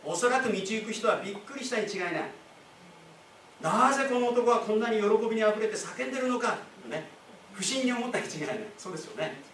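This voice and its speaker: A pastor with a high-pitched voice preaches a sermon, speaking to the congregation in a relaxed, explanatory way with asides and questions. He talks fairly quickly while standing away from the mic in an echoey church hall. The distant recording has faint room ambience and a little hiss or hum.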